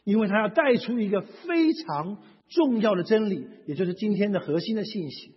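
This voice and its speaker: A male pastor with a high, very animated voice, preaching a sermon with rhetorical questions. His voice is deeply husky and breathy. It rings out with a long hall reverb on a dull, lo-fi recording. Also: normal speed. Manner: expressive preaching, rhetorical questions, reads scripture aloud.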